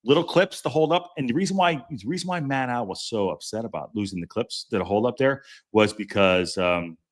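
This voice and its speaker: A podcast host with a deep, strong male voice reads viewer comments during a casual live stream. He talks a little fast, jokes around and rambles, often stumbling over words, cutting himself off and restarting sentences.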